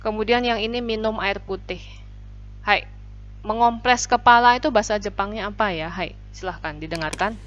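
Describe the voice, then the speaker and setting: A woman teaching a language class, patiently explaining vocabulary and repeating phrases slowly for students. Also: medium pitch, a bit bright, soft background music. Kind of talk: online classroom lesson. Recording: dull lo-fi recording.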